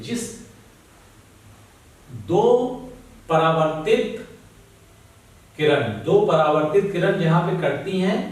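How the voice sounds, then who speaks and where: Slow, echoey teacher from afar. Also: male voice, on the high side. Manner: slow, repeats key words, keeps asking "ठीक है ना?"; calls students "बेटा". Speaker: physics teacher. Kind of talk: classroom lesson. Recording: very echoey room, voice from far off.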